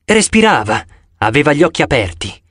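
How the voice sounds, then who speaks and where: A man narrating an audiobook in the first person with a dramatic, expressive reading. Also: fairly high pitch, a little fast, dry recording, clean studio sound.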